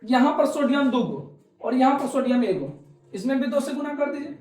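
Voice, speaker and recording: A man's voice: very high voice, expressive, brisk, darkish tone, reverberant. A man teaching a chemistry class, repeating his points and answering his own questions. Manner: repetitive, coaxing, asks questions and answers them himself. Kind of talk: classroom lecture.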